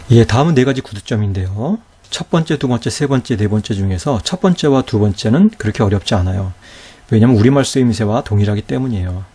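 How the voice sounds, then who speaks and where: A man giving a recorded grammar lecture in a mellow, slightly husky voice. He walks his listeners through each point patiently and keeps checking that they are following. Now and then he slows down to sound out syllables one by one. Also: mid-range voice. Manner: patient, explains step by step and checks with rhetorical questions; sounds out syllables slowly and distinctly. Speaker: Greek grammar teacher.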